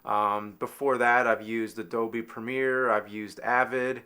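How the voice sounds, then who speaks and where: A man's voice: medium pitch, flat delivery, unhurried, bright, forceful tone. A man casually walking through how he edits his videos. He talks in a loose, rambling way with plenty of fillers. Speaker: video creator explaining his editing. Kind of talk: casual behind-the-scenes explanation.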